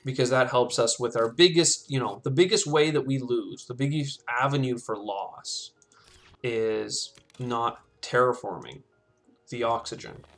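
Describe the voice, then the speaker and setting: A man in a casual gameplay commentary, musing aloud as he weighs each move and second-guesses himself. His voice sits at an ordinary middle pitch, with soft music and keyboard clicks faint in the background. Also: measured pace. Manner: thinks aloud, talks himself through choices. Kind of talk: casual let's-play commentary.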